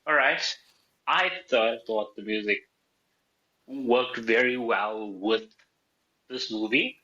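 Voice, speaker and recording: Bright chatty guy asking questions, muffled lo-fi mic. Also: mid-range voice, slow. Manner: asks questions, drives the talk. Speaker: podcast co-host. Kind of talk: casual chat. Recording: dull lo-fi sound.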